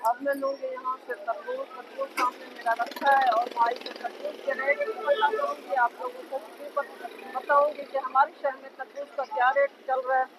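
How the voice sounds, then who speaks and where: A woman's voice: sits high, sing-song, normal speed, background noise. A woman vlogger casually describing the market and its prices to her viewers.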